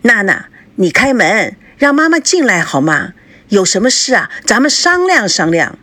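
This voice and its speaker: A woman's voice: mid-range voice, very animated, normal speed, bright, forceful tone, no room sound. A woman voicing a shrewd middle-aged mother who fusses and persuades. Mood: pleading. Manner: fussing, persuasive.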